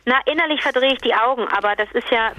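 Slightly high-voiced woman, teasing chat. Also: highs cut off. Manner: teasing, animated, quick to laugh. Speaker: podcast co-host. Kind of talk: casual chat.

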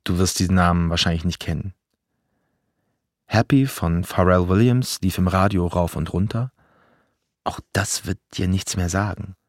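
A man in his thirties from Germany narrating a personal story in a measured, vivid, dramatic way. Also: deep voice, dry recording, clean studio sound.

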